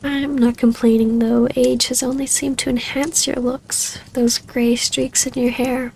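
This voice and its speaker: This fairly high, very creaky female voice belongs to a wistful vampire baroness in an ASMR roleplay, soft, hesitant, intimate and tender. Her pitch barely moves within its narrow range, the pace is a little slow, and a faint hiss or hum sits underneath.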